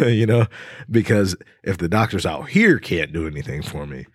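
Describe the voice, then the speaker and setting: A man's voice: low voice, big pitch swings, moderate pace, breathy edge, no room sound, studio quality. A man co-hosting a podcast, telling a story in laid-back casual chat with lots of fillers and laughter. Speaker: podcast co-host.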